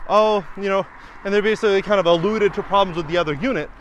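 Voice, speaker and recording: A man giving emphatic, animated casual commentary as a vlog host, repeating his points for stress. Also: high-pitched, very fast, slight background noise. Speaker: real estate investor and channel host.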